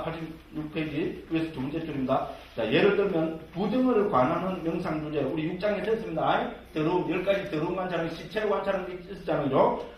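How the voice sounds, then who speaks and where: A man who teaches Buddhist scripture as a monk, in a jokey, conversational way that is full of tag questions. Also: a little high. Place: lecture room with a live audience. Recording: echoey room from far off, faint hiss.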